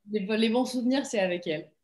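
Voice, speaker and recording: Chatty young woman in a roomy call. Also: medium pitch. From Belgium. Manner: chatty, laughs often, self-deprecating. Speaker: actress, interview guest. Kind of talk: casual interview chat. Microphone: video call.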